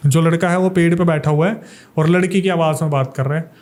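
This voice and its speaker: A man's voice: fairly high pitch, steady tone, fast talker, darkish tone. A young man from Delhi, a paranormal investigator, telling a suspenseful ghost story in a casual podcast interview.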